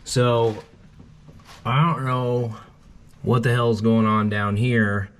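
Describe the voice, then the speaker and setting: A man's voice: medium pitch, little pitch movement, slow pace, a little hiss or hum. A man hosting his garage channel, rambling casually and joking at himself as he works on a car. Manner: rambling, self-deprecating, talks while wrenching. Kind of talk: casual work-along narration. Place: home garage, at and under a car.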